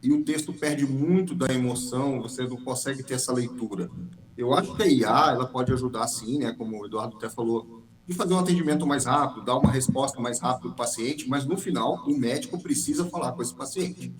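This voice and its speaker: Male physician guest on a talk podcast, mid-pitched, explains in a lively way, roomy sound. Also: brisk, slight background noise. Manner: explanatory, lively, acts out patient quotes. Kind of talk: podcast discussion.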